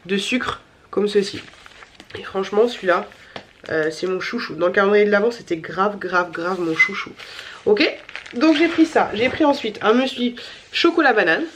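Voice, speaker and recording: A woman vlogger talks in a nasal, stuffed-up voice that sounds tired. She chats casually and rambles, with plenty of fillers and repeated words, in a middle pitch. A faint background noise sits under her voice. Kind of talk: casual chatty haul vlog.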